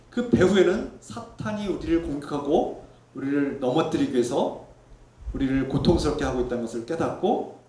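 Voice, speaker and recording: A man preaching from the pulpit with a fairly high voice, earnest and pleading, pressing each point firmly. His words ring out through a reverberant church hall. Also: distant mic. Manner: earnest preaching, rising to emphatic exhortation; softens to a low reflective tone for personal testimony. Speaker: pastor. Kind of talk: sermon. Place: church sanctuary. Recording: echoey church sanctuary.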